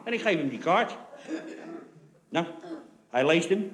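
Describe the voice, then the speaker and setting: A man's voice: animated, a little slow. A man performing a comic monologue on stage, telling a story and acting out the voices of the people in it. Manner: storytelling to a laughing audience, switching between booming and muttering voices. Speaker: comedian. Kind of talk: comic monologue with acted quotes. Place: stage before an audience. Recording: echoey live stage with audience noise. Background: audience laughter.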